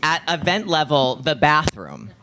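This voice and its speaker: A man in his thirties with an American accent co-hosts a live podcast in front of an audience and is a former competitive figure skater. He chats and tells stories conversationally, often saying "like," in a fairly high, bright, pushed voice with big pitch swings at a measured pace. The live-show audio is noisy.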